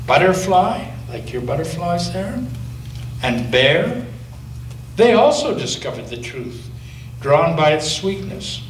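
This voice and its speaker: A male pastor, his voice on the high side, reads a picture book aloud to children in a lively, lilting way that rises and falls, gentle and full of slow dramatic pauses. He sits a bit back from the mic in the church sanctuary, so he sounds distant, with strong echo and faint noise.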